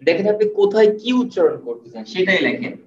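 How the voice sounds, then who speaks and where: A man's voice: high-pitched, very animated, darkish tone. Patient male tutor on a distant mic. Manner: patient, repeats and spells out sounds slowly. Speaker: online tutor. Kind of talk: live online lecture. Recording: roomy, distant, dull sound.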